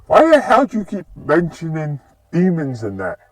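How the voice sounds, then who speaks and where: A man's voice: fairly high pitch, wildly swooping pitch, moderate pace, no echo, voice pushed up. A man voicing a skeptical young female companion who asks blunt questions. Recorded on a distant mic.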